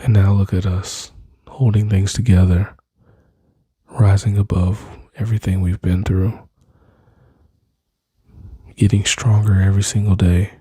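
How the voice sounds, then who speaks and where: A man speaking slowly and intimately into a close mic, soothing and reassuring, often dropping to a whisper. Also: deep voice, flat delivery, warm tone, breathy edge, dry recording. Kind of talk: soft-spoken ASMR comfort roleplay.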